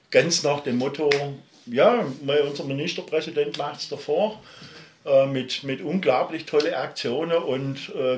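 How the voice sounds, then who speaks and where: This interview guest is a middle-aged musician from Baden-Württemberg whose Swabian accent colors his mid-range voice. The sound is roomy with a faint hiss or hum, and he speaks passionately, emphatically and at great length, wandering off topic.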